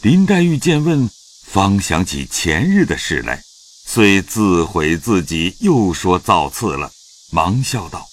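A man narrating a classic novel as an audio drama, in a slow, expressive, dramatic reading. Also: deep voice.

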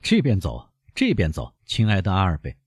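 A man's voice: low voice, huge pitch swings, moderate pace, slightly rough, no echo, clean studio sound, heavily acted. A man reading an audiobook, voicing a genial, talkative male newspaper journalist. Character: affable male newspaper journalist, amiable then proud. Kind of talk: audiobook character voice.

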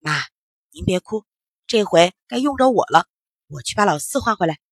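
A woman's voice: on the low side, expressive, normal speed, slightly rough, no room sound, clean studio sound. A woman voicing a bold young man with magic legs who calls out commands in a children's story.

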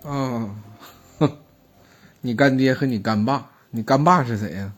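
A man's voice: mid-range voice, measured pace, faint music behind. A man with a Northeastern Chinese accent chatting at home, teasing and questioning a child as she tells her story. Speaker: parent listening to a child's story. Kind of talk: casual home chat.

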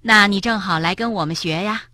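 A woman voicing a sly, overly polite male stork in a children's story, speaking in a hushed, ingratiating way. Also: medium pitch, brisk, no room sound, clean studio sound, natural voice. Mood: smooth.

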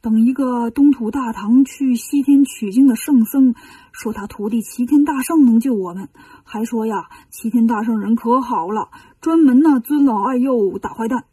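Frightened male monks from a storybook read aloud plead and fret, played by a woman. Their voice is mellow and breathy. It is a touch high-pitched and sits a bit back from the microphone. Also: normal speed, no room sound, recorded from a distance. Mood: worried pleading. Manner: pleading, worried.

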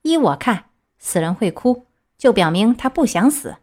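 A pompous, contrary owl doctor read by a woman, formal and animated. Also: fairly high pitch, moderate pace.

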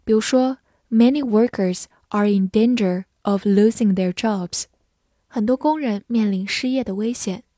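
A woman teaching English vocabulary, who spells each word letter by letter and reads the example sentences slowly. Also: medium pitch, warm tone, no room sound, clean studio sound. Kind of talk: vocabulary lesson with slow model readings.

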